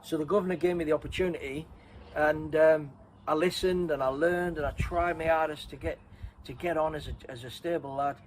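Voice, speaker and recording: A man's voice: a little high, steady tone, fairly quick, a little hiss or hum, poor audio. Man telling a story. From Redcar, North East England. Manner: rambling, self-correcting, laughs at himself. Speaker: interviewee and co-host. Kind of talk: casual storytelling chat.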